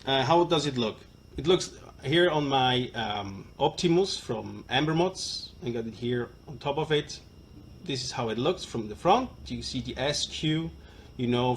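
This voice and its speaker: A man with a broad Swiss German accent giving an informal live product presentation, speaking in a halting, hesitant way. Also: mid-range voice. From Switzerland. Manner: halting and hesitant, apologetic non-native English speaker. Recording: live stream with clear background noise.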